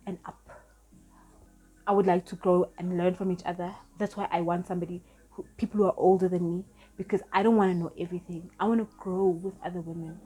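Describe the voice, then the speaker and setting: In a lowish, husky voice with a dark tone, a woman in her thirties shares earnest, meandering spiritual advice on her casual vlog. English isn't her first language, and she keeps correcting herself. The audio quality is poor.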